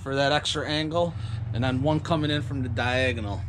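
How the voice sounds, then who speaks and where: A YouTube vlogger with a mid-range, brisk voice gives a casual channel update outdoors near a woodpile, recorded on an action camera with background noise. He's chatty and rambling, often correcting himself mid-sentence.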